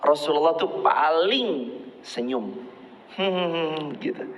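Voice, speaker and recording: A man's voice: on the high side, normal speed. Man preaching in an echoey hall. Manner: acts out quoted speech, chants Arabic verses. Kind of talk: casual sermon. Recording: echoey hall, dull lo-fi sound.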